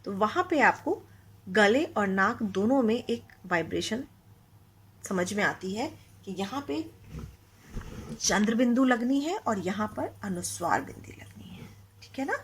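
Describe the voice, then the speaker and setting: A woman's voice: medium pitch, animated, measured pace, a bit bright, a little hiss or hum. A woman teaching a Hindi grammar lesson to young children, explaining patiently, asking the class questions and mixing English words into her Hindi.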